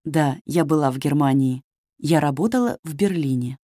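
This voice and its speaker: With a deep, dark voice at a moderate pace, a woman reads evenly and carefully as an adult female journalist, friendly and polite, in a scripted textbook dialogue. The listening-test recording is studio quality with no echo.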